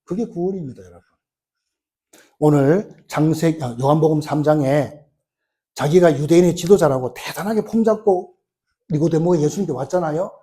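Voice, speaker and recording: A middle-aged man preaching a sermon as pastor, in a conversational way with sudden loud bursts. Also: fairly high pitch, moderate pace.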